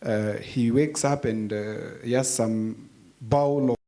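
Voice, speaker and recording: Man, panelist, mid-pitched, halting delivery with fillers. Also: fairly even intonation, mellow. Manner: hesitant, searches for words with fillers. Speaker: forum panelist. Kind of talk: casual panel talk.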